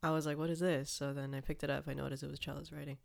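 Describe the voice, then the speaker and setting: A young woman with a notably low voice talks candidly in a casual conversation. She is expressive and laughs often. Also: racing, creaky. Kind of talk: casual chat.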